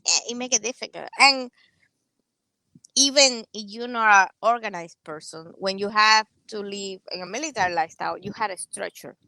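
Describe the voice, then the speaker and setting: Woman, Cuban Spanish accent, bright voice, dry close sound, animated talk, earbud mic on a video call outdoors. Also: mid-range voice, gravelly, dry recording, low-quality recording. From Cuba. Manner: talks animatedly with loud bursts and quick trailing asides. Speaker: guest, Army veteran and entrepreneur. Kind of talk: casual interview conversation. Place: outdoors on a sunny patio. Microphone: wired earbud headset on a video call.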